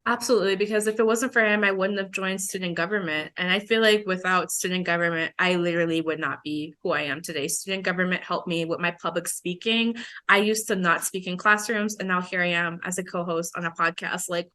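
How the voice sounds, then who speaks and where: A woman from Belize in her twenties, co-hosting a podcast, tells a personal story in a chatty, informal style and acts out remembered dialogue. Her voice is lowish, brisk, and sharp in tone.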